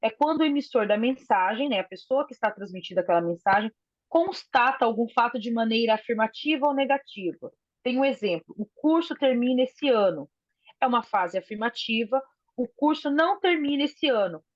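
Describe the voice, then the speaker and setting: A woman teacher talks a class through a lesson on a video call. Her voice sits fairly high and comes through a phone mic, so it sounds dull and lo-fi with no room echo. She explains step by step and keeps checking in with "né?". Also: animated, brisk. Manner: explanatory, often adds "né?". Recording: dull lo-fi phone audio, dry.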